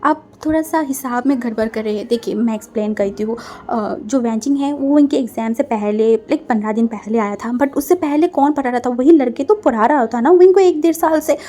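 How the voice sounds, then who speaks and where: A calm young man patiently reasoning things out, with little hesitant fillers, as a woman narrator reads him. The voice is her own mellow, fairly high tone. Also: brisk, hardly any pauses, natural voice.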